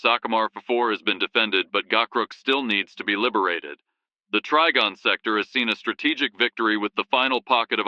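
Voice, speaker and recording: Man playing a forceful, grave wartime radio anchor. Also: lowish voice, dry recording, lo-fi sound. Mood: rousing. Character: grave, urgent male wartime radio news anchor of the future. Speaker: news bulletin host. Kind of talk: scripted wartime radio news bulletin. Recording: music behind the voice. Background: music.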